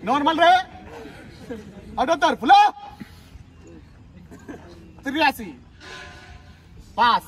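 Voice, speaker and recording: A young man coaching army recruits in an instructional video, giving brisk commands and teasing them as he drills. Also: very high-pitched, expressive, fairly bright tone, some chatter behind. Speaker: army recruitment physical trainer.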